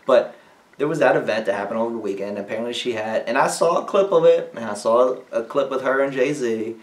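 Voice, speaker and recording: A man's voice: medium pitch, brisk, reverberant, recorded from a distance. A young man co-hosting a casual sports talk show, teasing his co-host with sarcastic, swearing banter. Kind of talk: casual chat.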